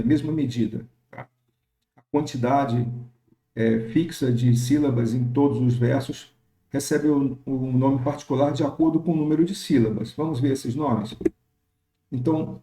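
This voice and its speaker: A man teaching a recorded lesson, explaining step by step with frequent pauses and fillers and reading verse examples slowly. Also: medium pitch, dark tone, echoey room. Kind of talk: recorded lecture on poetic meter.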